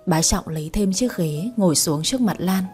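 A woman narrating a story as a reader for her audio channel, in a calm, even storytelling manner. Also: lowish voice, normal speed, faint music behind. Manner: calm, even storytelling with dialogue voiced lightly.

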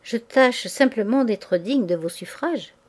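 A woman reading a novel aloud, voicing a suave male store owner who charms society ladies in a smooth, flattering, actorly tone. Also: fairly high pitch, unhurried.

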